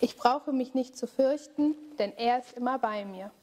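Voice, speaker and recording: A woman leading a children's church service, reading a story slowly, clearly and expressively. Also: on the high side, noisy background.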